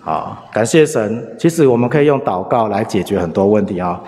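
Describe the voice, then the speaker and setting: A man preaching a sermon, telling a family story in a lively way with many chatty particles. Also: on the low side, a little fast, a little hiss or hum. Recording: long reverb from a hall.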